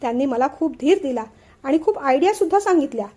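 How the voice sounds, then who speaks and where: Woman voicing a scared young bride, shaky and teary, high mellow voice. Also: animated, fast. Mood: anxious. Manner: tearful and hesitant. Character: timid, frightened young daughter-in-law.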